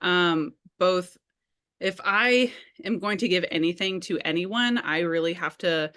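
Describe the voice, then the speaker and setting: A woman's voice: on the low side, moderate pace, fairly bright tone. A woman speaking candidly and thoughtfully in a community group meeting, with fillers. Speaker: community arts meeting participant. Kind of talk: casual sharing in a group meeting.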